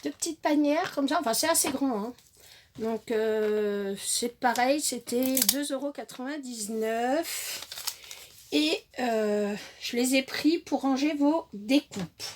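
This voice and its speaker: A woman's voice: high voice, slow, slight background noise. A woman chatting casually while showing off a craft-supply haul, hesitant with many fillers and self-corrections. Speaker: crafting vlogger.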